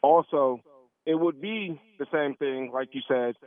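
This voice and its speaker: A man's voice: a little high, a little slow, dry recording. A man calling in to a radio show over a phone line, earnestly laying out his argument point by point. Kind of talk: call-in opinion.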